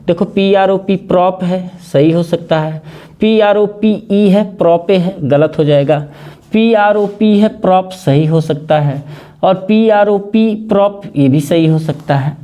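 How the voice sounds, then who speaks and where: A man with a Hindi accent teaching English spelling, slowly repeating each word and spelling it out letter by letter. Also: sits high, warm tone. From India. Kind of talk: spelling lesson, explaining word by word.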